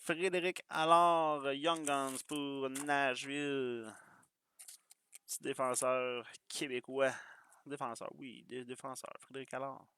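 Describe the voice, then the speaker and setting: A man's voice: mid-range voice, little pitch movement, fairly bright tone, clear, resonant tone. A man with a Quebec French accent hosting a live hockey card break, reading out cards and joking with viewers. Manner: quick, joking, chatty with viewers.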